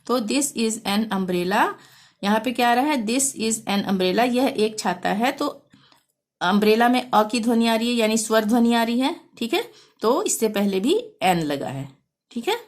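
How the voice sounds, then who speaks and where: A woman teaching English grammar, patiently repeating example words and sentences slowly for her pupils. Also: fairly high pitch, expressive. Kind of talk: explaining a grammar lesson.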